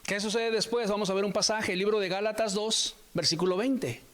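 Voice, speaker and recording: A man preaching a sermon, emphatic and repetitive, drawing key phrases out slowly. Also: high-pitched, fairly even intonation, fairly bright tone.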